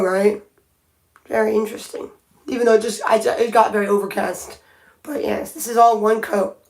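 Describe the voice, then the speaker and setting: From her home by a window, a livestreamer paints her nails and chats casually in a medium-pitched, slightly mellow voice. She thinks aloud as she works, often starting sentences over.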